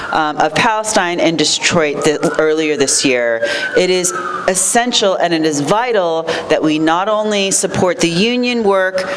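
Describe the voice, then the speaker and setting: A woman's voice: on the low side, poor audio. A woman speaking as an activist at an outdoor rally, urgent and exhorting in her political speech. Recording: clear street and traffic noise.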